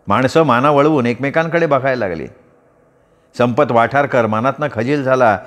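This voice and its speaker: A man giving a vivid, dramatic storytelling reading of a rural novel. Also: mid-range voice. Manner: vivid, expressive narration. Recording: long hall reverb.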